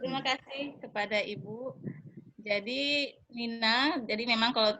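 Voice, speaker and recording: A woman moderates a panel, politely thanking speakers and summarizing their points. Her voice is fairly high and bright. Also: unhurried, rough recording.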